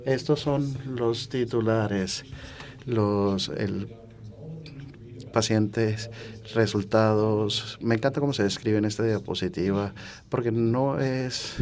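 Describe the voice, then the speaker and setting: A man working as a conference interpreter, speaking in measured phrases with halts and self-corrections. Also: mid-range voice, a little mellow. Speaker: simultaneous interpreter.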